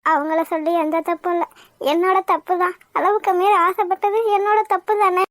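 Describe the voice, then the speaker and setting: A woman's voice: very high voice, fairly even intonation, a little fast, fairly bright tone, no room sound, studio quality, soft background music. A woman voicing a frightened young woman in a cartoon, crying and despairing. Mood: tearful. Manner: tearful, despairing. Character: young woman, rescued and tearful, fearful.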